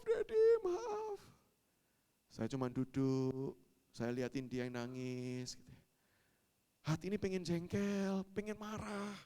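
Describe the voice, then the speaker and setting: A man preaching as a pastor, telling a personal story with dramatic swings from hushed to loud. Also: mid-range voice, clean tone. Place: church sanctuary. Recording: long reverb of a church hall.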